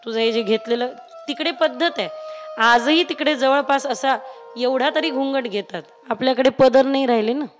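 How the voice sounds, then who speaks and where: A woman's voice: high-pitched, normal speed, soft background music. A woman storyteller, acting out the dialogue of the characters in changing voices. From India. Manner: acts out dialogue of Krishna and gopis with shifting voices. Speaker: kathā storyteller. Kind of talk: devotional story sermon.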